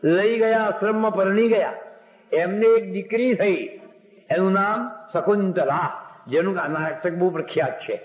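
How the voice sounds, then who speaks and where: A man giving a devotional discourse, retelling scripture stories in a lively, animated way. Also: sits high, unhurried. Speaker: religious storyteller. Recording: echoey hall with long reverb.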